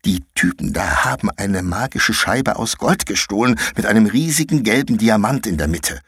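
A man's voice: lowish voice, animated, normal speed, fairly bright tone, slightly rough, no room sound, clean studio sound, exaggerated voice. A man voicing a bossy, secretive girl adventurer on a mission, who talks in a curt, impatient, know-it-all way in a storybook reading. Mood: urgent.

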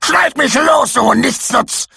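A man voicing a shrill, gloating male villain who cackles and barks orders. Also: very animated, drawn-out words, gravelly, a bit bright, breathy edge, dry recording, clean studio sound, exaggerated voice. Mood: domineering.

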